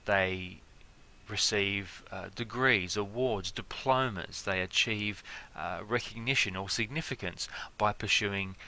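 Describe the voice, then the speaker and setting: Male lecturer, lower register, bright tone, casual explainer style. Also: takes it slowly. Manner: conversational, many fillers and examples. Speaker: teacher.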